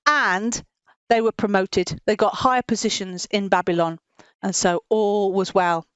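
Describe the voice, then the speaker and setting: A woman presenting a children's program, telling a Bible story in a lively way and laughing often. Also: mid-range voice, measured pace, clear, resonant tone, dry recording, dull audio.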